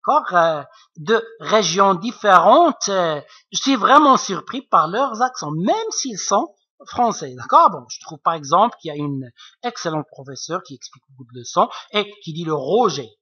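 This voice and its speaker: Heard on a muffled recording, a man with an Arabic accent speaks in a high, sing-song voice that is husky, pushed and bright, at normal speed. He is a French literature teacher and native Arabic speaker giving a classroom explanation of French poetry, patient and repetitive, with many asides to check on students.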